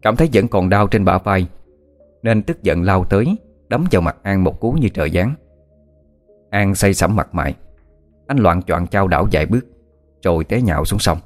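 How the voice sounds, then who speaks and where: Male storyteller, low voice, steady ghost story narration, faint music underneath. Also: moderate pace, pauses often.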